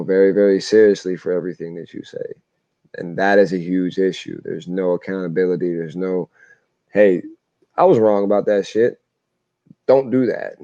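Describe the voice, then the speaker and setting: A man's voice: low-pitched, darkish tone, no echo, dull audio. A man co-hosting a podcast, talking bluntly in casual chat and swearing freely. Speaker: podcast co-host.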